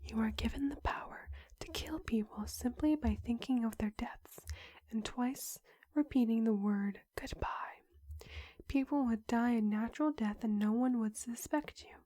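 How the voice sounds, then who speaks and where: A young woman whispering an ASMR roleplay as a clinic counselor, asking questions softly with pauses. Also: a little high, dry recording. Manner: soft whisper throughout, slow questioning with pauses. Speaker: ASMR creator.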